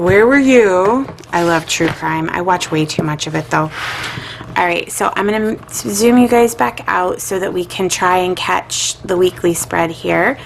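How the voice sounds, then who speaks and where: A woman's voice: medium pitch, gravelly, fairly bright tone, a little hiss or hum, poor audio. Chatty mom talking through her budget. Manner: chatty, musing aloud with filler words. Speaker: budgeting vlogger. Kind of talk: casual chat while budgeting.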